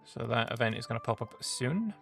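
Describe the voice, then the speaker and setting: A man's voice: mid-range voice, very animated, a little fast, vocal fry, a bit bright, faint music behind. A man streaming a strategy game, thinking aloud in an offhand way and reading the event text aloud.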